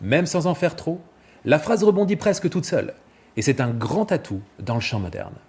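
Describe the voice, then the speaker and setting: A male vocal coach giving a clear, didactic scripted explanation and demonstrating examples. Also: fairly high pitch, very animated, normal speed, darkish tone.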